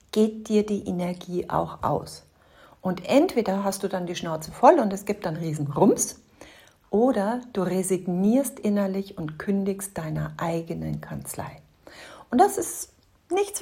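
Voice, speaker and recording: A woman speaks in a husky, airy voice with an ordinary, mid-height pitch. She coaches the listener directly, leans hard on key words and often sinks into breathy half-whispers. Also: warm tone. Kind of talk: direct advice talk to the listener.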